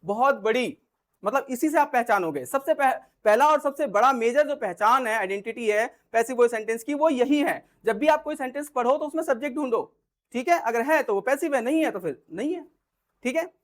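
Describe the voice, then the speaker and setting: A woman teaching an English grammar lesson. She explains step by step, keeps checking that her listeners follow, and clears her throat now and then. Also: a little high, lively intonation, brisk.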